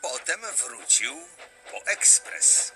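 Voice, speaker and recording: A man reading a children's story aloud, expressive and animated. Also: fairly high pitch, very slow, soft background music.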